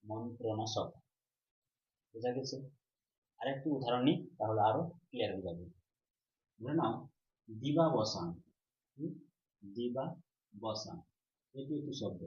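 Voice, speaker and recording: A man's voice: medium pitch, a little mellow. Man teaching a grammar lesson. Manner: repetitive question-and-answer teaching, drawn-out syllables. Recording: roomy, slightly dull recording.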